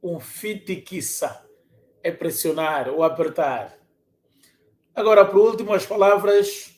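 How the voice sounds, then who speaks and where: A language teacher gives a spoken lesson, repeating each word slowly several times. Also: medium pitch, darkish tone. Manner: drills each word by slow repetition. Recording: roomy echo.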